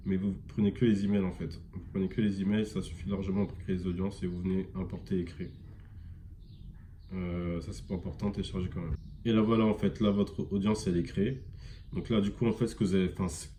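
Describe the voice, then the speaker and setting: A man giving a casual screen-recorded software tutorial, rambling with many fillers and self-corrections. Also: deep voice, slight background noise. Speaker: e-commerce tutorial presenter.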